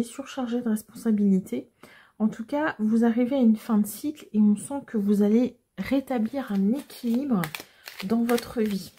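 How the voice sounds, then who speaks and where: A woman giving a casual tarot reading to viewers, explaining the cards gently and hesitantly with frequent pauses. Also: a little high, husky. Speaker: tarot card reader.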